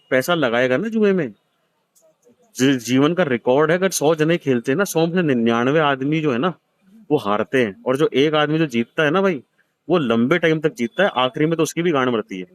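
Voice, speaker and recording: A man in his thirties, hosting, gives a blunt, profane scolding to a gambler in a harsh heart-to-heart lecture. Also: medium pitch. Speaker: host counseling a gambler.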